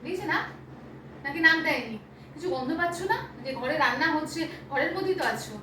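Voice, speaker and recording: Vlogger wife, West Bengal accent, very high and quick, roomy distant kitchen sound. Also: female voice, expressive, bright, forceful tone, a little hiss or hum. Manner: rapid complaining talk with many fillers. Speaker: vlogger and homemaker. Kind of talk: casual domestic argument. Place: home kitchen.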